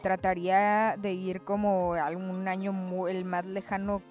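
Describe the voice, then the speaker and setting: A woman's voice: mid-range voice, level tone, measured pace, darkish tone, soft background music. A young woman with a Mexican accent in casual, slangy conversation, swearing freely. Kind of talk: casual chat.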